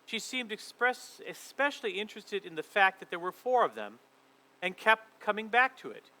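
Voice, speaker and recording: A man leading a children's church session and reading a storybook aloud in a lively, expressive way. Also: sits high, normal speed, poor audio.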